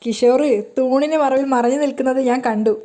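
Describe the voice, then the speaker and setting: A good-natured, wisecracking young man, read by a woman storyteller. He plays along lightly, and his voice stays fairly high, close to the reader's own. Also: steady tone, fairly quick, warm tone, natural voice. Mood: joking. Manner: playful, wisecracking.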